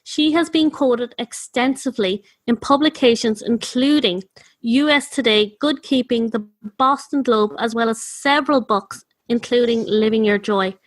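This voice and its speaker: A woman's voice: fairly high pitch, moderate pace. A woman hosting a podcast, introducing her guest and asking chatty questions with plenty of fillers. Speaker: podcast host. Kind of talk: podcast interview.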